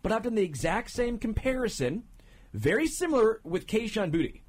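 A man co-hosting sports talk radio, ranting casually and jumping into high outbursts. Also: moderate pace, slightly rough. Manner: animated, ranting, jumps into high-pitched outbursts.

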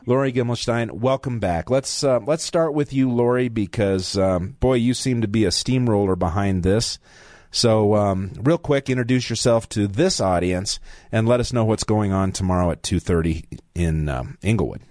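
A man's voice: lowish voice, moderate pace, a little mellow, no room sound, studio quality. An older man guest hosting a talk radio show, chatting in a rambling way with asides. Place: radio studio. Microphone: studio mic.

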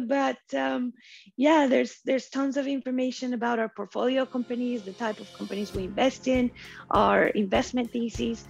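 A woman speaks casually as a podcast guest with a hoarse, raspy voice. It crackles with gravelly fry, and she talks informally in short starts. The close, dry recording sounds slightly dull. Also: a little high, a little mellow, no echo. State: hoarse, losing her voice while unwell. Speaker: podcast guest, venture capital professional. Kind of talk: casual interview conversation. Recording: dull, lo-fi audio.

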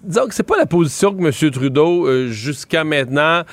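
A man's voice: a little high, animated, fairly quick, no echo. A man with a Quebec French accent giving conversational political analysis as a commentator, explaining his points in a colloquial, emphatic way.

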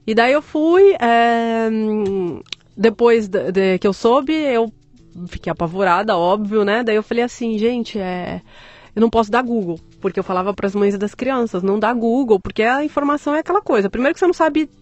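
A woman with a slightly high voice, speaking at a moderate pace, tells her story as an interview guest, candid and joking, bringing the people she quotes to life by acting out their voices. Soft music plays in the background, and the recording sounds muffled.

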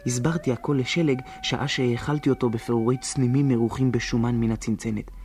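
A man's voice: medium pitch, darkish tone, breathy edge, dry recording. An actor narrating in the first person as a resourceful boy hiding alone in ruins, in a reflective radio drama monologue that plans step by step. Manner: reflective inner monologue, planning aloud.

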